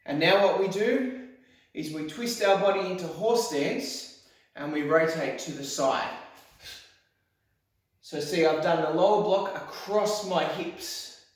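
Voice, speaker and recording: A man's voice: fairly high pitch, slow, long pauses. A male karate instructor explaining techniques in a martial arts lesson. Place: echoey indoor room, voice some distance from the mic. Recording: very echoey hall, distant mic.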